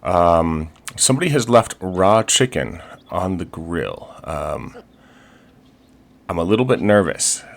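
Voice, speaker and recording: This host's low, creaky voice stays animated even at a slow pace as he narrates his life-simulation gameplay. Chatty and upbeat, he stumbles into fillers and restarts and jokes around in pirate speak.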